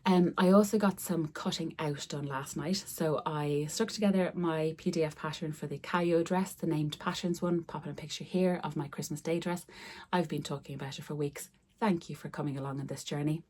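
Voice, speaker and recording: Speaking at a normal speed in a low, steady, slightly mellow voice, a middle-aged woman from Ireland talks informally to camera. She's a sewing vlogger filming in a room upstairs at home, her voice is going, and she tends to repeat words for emphasis.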